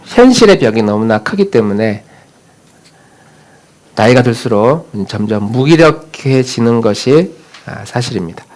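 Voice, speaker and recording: A man preaching a sermon as pastor in a church, talking conversationally and putting questions straight to the congregation. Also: medium pitch.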